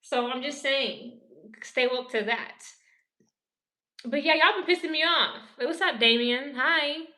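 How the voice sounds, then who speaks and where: A pop culture commentator from New Orleans, Louisiana, rants with plenty of profanity during a casual livestream, replying to her chat. Her voice is high-pitched and sharp in tone, and she takes her time.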